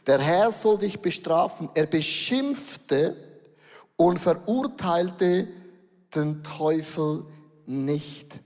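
A high-voiced middle-aged man preaching a sermon to a congregation. He races through asides, then slows right down to lean on single words. His voice rings out with a long reverb tail, as in a church hall. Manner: lively preaching, shifts between quick asides and slow stressed words. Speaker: pastor.

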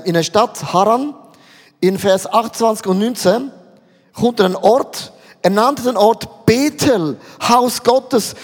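A man with a Swiss German accent delivers a sermon, firing rhetorical questions at his congregation. His voice sits high. It carries a long reverb from a large church hall. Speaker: pastor.

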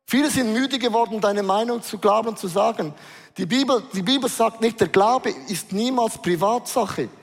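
High-voiced preacher, hall reverb. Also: male voice. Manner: animated, acts out inner voices, shifts between fast and drawn-out phrases. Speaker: pastor. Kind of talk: lively sermon. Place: large church hall.

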